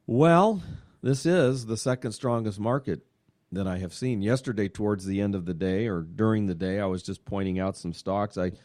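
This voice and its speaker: A man's voice: lowish voice, moderate pace, no room sound, studio quality. Chatty man hosting a radio show. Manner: chatty, full of "uh" fillers, excitable. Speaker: radio show host and money manager. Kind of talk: casual radio talk.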